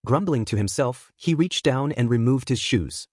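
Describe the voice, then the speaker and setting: A man's voice: medium pitch, expressive, normal speed, a little mellow, no echo. Man narrating a story, dry sound. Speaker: fan fiction narrator. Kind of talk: scripted story narration with read-out dialogue.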